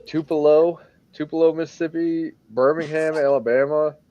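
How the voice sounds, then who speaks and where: A man's voice: fairly high pitch, fairly even intonation, moderate pace, dark tone, dry recording. A man who drives trucks, chatting casually and rambling with lots of "like" and frequent laughs. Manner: rambling, heavy on "like", laughs often. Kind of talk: casual group chat. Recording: dull lo-fi recording.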